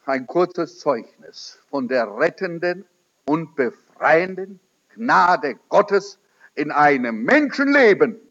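With a sing-song, fairly bright voice and a slow pace, a man tells a testimony as a story during a sermon. He quotes the people in it in a lowered voice and rises to emphatic peaks; the recording is dull and lo-fi.

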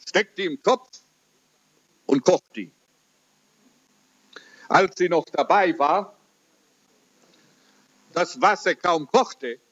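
A man preaching a sermon, telling mission stories slowly and earnestly. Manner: slow, earnest storytelling with sweeping pitch. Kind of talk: sermon with testimony. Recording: dull lo-fi recording.

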